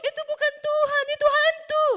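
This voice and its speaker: Frightened disciples, squealed by a woman storyteller, very high, reverberant room. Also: monotone, pushed and bright. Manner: squealing, drawn-out. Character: terrified disciples, shrieking in fear. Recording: long hall reverb.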